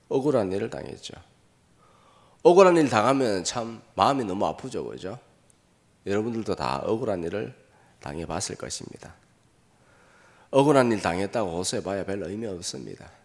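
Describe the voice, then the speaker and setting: A pastor preaching a sermon in a church with a dramatic delivery. He acts out quoted voices in sudden loud bursts and throws short questions back to the congregation. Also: lowish voice. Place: church sanctuary.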